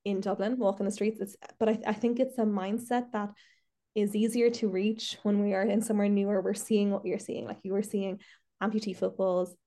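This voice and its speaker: A woman's voice: medium pitch, flat delivery, fairly quick, dark tone. Woman host, reflective and rambling, on a video call. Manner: reflective, rambling with many restarts. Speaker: podcast host, trainee therapist. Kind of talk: casual podcast chat.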